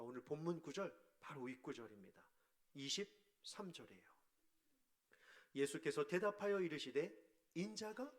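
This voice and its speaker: A man preaching as a pastor, asking his congregation questions, sometimes shouting out quoted voices and sometimes dropping to a soft murmur. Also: fairly high pitch. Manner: animated, acts out quoted voices with sudden shouts; drops to a soft near-murmur on key words. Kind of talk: sermon.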